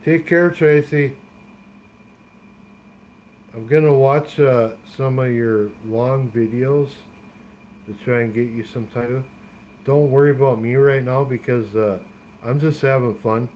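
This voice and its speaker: A man's voice: mid-range voice, slow, pauses often, dull audio, a little hiss or hum. A man rambling casually to his livestream chat, full of fillers and restarts. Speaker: live streamer. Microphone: tablet streaming via phone hotspot.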